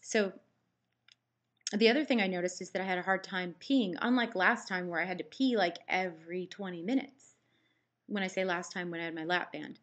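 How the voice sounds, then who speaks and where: A woman's voice: lowish voice, a little fast, a bit bright. A woman talking casually and candidly in a personal vlog, giving a health update in a chatty, matter-of-fact way. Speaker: vlogger giving a post-surgery update.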